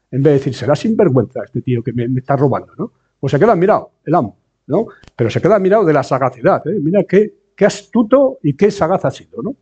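A man preaching a sermon, often asking rhetorical questions and slowing down to stress key words. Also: high-pitched, darkish tone. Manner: rhetorical questions and tag checks like eh and no. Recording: dull lo-fi sound.

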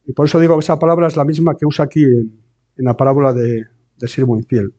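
A man preaching a sermon, often asking rhetorical questions and slowing down to stress key words. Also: mid-range voice, little pitch movement, warm tone. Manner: rhetorical questions and tag checks like eh and no. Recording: dull lo-fi sound.

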